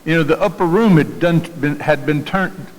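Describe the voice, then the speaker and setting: A Southern-accented pastor preaches in a church sanctuary, his voice fairly high and his pace moderate. He keeps it conversational, repeating words and putting questions to the congregation, while long hall reverb fills the recording.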